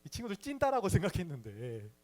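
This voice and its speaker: Lively young man giving a testimony. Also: high-pitched, fast talker. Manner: storytelling, animated, playful asides to the audience. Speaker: youth ministry speaker. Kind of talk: personal testimony sermon.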